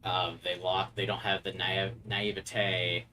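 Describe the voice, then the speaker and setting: A man's voice: low voice, little pitch movement, slow, pushed and bright, a little hiss or hum. A man giving casual, slangy and offhand commentary as he streams a game playthrough.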